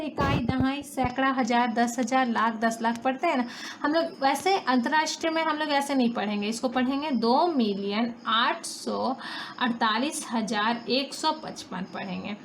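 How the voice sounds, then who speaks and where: A young woman from India teaching a math lesson, patiently counting through place values and answering her own questions. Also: high-pitched. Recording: faint background noise.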